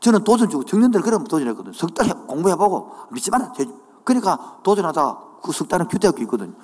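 Animated Gyeongsang-accented male preacher. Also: high voice, quick pace, husky. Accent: Gyeongsang Korean. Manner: animated preaching, dialect asides, builds to shouted declarations. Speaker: pastor. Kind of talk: sermon. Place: church sanctuary. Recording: church hall with long reverb.

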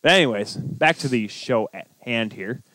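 A man's voice: mid-range voice, expressive, normal speed, pushed and bright, no room sound, low-quality recording. A man co-hosting a podcast, rambling through casual sports talk and game commentary like an exasperated fan. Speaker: podcast co-host.

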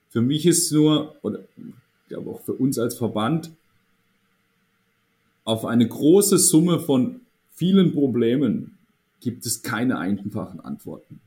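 A man with a warm, medium-pitched voice is interviewed on a podcast as the managing director of an association. He comes across as thoughtful but hesitant, using many fillers and frequently restarting his sentences.

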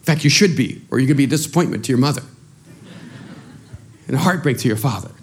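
Speaking quickly in a medium-pitched voice, a middle-aged Salvadoran man who grew up with Spanish preaches an animated, self-deprecating sermon as a pastor, often repeating words as he restarts.

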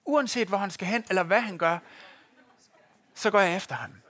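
Man, preacher, sermon, high voice, direct address to the congregation, dry sound. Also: pushed and bright, no room sound. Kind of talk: sermon with a live demonstration. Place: church in front of a congregation.

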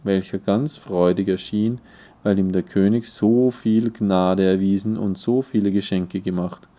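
Guy reading a fairy tale audiobook, low dark voice, really slow and careful. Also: fairly even intonation. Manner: measured, deliberate reading with occasional self-corrections. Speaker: audiobook reader. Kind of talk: scripted storybook narration.

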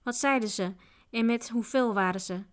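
A grim, commanding male knight, voiced by a woman reading a storybook snaps out his questions sharply. Her voice stays smooth and clean. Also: a little high, normal speed, natural voice. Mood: stern. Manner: gruff, commanding. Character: gruff stern male knight. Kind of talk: audiobook character voice.

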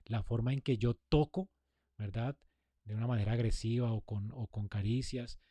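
A man's voice: mid-range voice, fairly even intonation, moderate pace, dark tone, no echo. A man giving a conversational sermon, acting out sample replies to a spouse. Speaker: preacher. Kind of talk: sermon on marriage communication.

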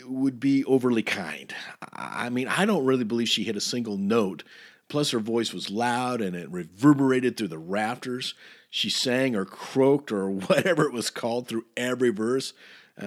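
Folksy male preacher telling a story. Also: mid-range voice. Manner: folksy, chuckling, frequent restarts. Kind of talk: storytelling sermon.

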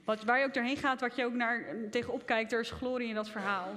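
A woman interpreting a sermon live in a church, steady with small restarts. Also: on the high side, fast. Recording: reverberant church hall.

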